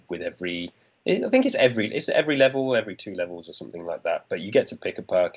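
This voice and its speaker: Male podcast co-host, low voice, halting and casual delivery. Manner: hesitant, many fillers and restarts. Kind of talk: casual chat.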